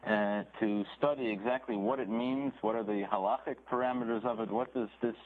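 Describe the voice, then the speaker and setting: A man's voice: lowish voice, steady tone, brisk. A man teaching a Torah class, reading phrases from a text, translating them, and retelling the story with animation. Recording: tinny phone-like recording with faint noise.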